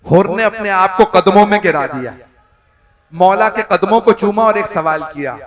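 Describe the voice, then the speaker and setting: A man, a cleric delivering a mourning sermon as dramatic storytelling. He speaks slowly and passionately and rises into wailing cries. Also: high voice, expressive, recorded from a distance, crowd noise. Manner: slow, impassioned, swelling into wailing cries. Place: large indoor prayer hall.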